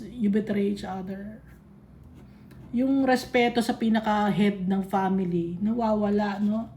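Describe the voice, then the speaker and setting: A woman's voice: medium pitch, mellow, slight background noise. A woman teaching a casual Bible study in mixed Tagalog and English, chatty and scolding, laughing often. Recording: echoey room.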